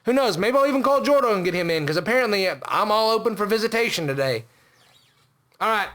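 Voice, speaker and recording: A man's voice: sits high, animated, quick pace, a bit bright, a little hiss or hum. A man hosting a comedy podcast, rambling and boastful about himself. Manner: boastful, rambling and self-important. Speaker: podcast host. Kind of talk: comedic character monologue.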